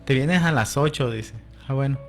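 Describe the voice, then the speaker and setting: A man's voice: mid-range voice, normal speed, soft background music. A man telling his personal testimony as a radio guest, often adding "amén" and quoting conversations. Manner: storytelling, with frequent "amén" and quoted dialogue.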